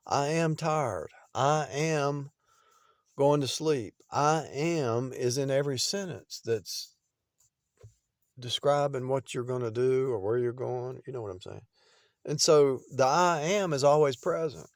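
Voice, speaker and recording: A middle-aged man rambles through an unscripted preaching monologue at an unhurried pace, repeating phrases, restarting sentences, and frequently letting his volume fall. His voice sits at a medium pitch, captured in studio quality with no room sound.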